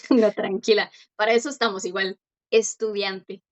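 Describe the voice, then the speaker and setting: A woman teaching a language class online, patiently explaining and slowly repeating words for her students. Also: medium pitch, fairly even intonation, highs cut off.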